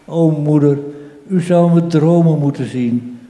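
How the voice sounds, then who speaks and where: Brief: man reading as a plaintive unborn soul, raised pitch, dark tone, echoing church hall. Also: a little slow, lightly acted. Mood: pleading. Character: unborn soul child, pleading, dreamy.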